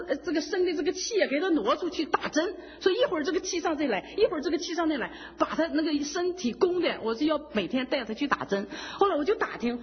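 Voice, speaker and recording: A woman giving an emotional personal testimony, with folksy, animated storytelling full of fillers, laughing and tearful at times. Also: high-pitched, husky. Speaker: church member giving testimony. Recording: dull reverberant hall sound.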